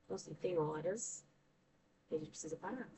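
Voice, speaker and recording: A woman's voice: low voice, fairly quick. A Brazilian woman, a podcast guest, talks about faith and emotional health in an emphatic, preacher-like way full of rhetorical questions. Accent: Brazilian Portuguese. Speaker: podcast guest, church member and counselor. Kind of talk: earnest religious talk on emotional health. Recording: distant mic with faint noise.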